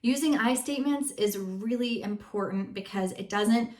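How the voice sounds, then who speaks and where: Here the same young coach of Greek heritage sounds fairly high-pitched and darkish in tone, talking at a normal speed. She stays casual, candid and full of fillers as she offers relationship tips to the camera, and the room echoes noticeably around her.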